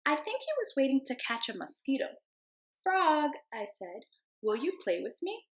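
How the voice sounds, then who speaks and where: In a high-pitched voice with big pitch swings, a young woman teacher reads a picture book aloud to her class at normal speed. Her storytelling is gentle, and she calls the animals in a sing-song tone.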